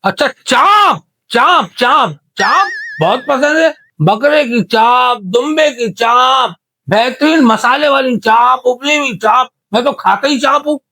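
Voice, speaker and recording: An actor playing a deaf man in a comedy interview, who mishears every question and rambles loudly and indignantly. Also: very high voice, animated, slow, heavily acted. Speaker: guest character in comedy interview. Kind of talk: comedy sketch acting.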